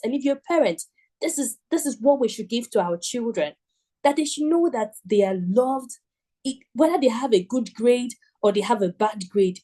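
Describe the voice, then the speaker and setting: A woman's voice: a little high, dark tone. A woman giving a motivational teaching talk, earnest and emphatic, repeating key phrases and checking in with "right?" and "you know". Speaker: program teacher.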